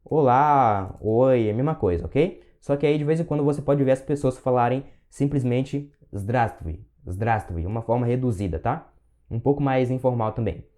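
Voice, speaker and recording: A man gives a language lesson in a mellow, dark voice. He talks learners through each word patiently and slows down to repeat phrases so they can copy them. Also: mid-range voice. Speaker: Russian teacher.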